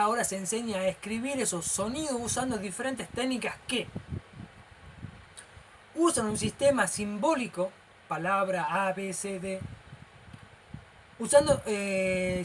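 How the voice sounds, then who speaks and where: A man's voice: high voice, normal speed, slight background noise, rough recording. A man with a Rioplatense accent gives an informal lecture as a teacher. He explains things step by step and keeps checking that the listener is following. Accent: Rioplatense Spanish. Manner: animated and gestural.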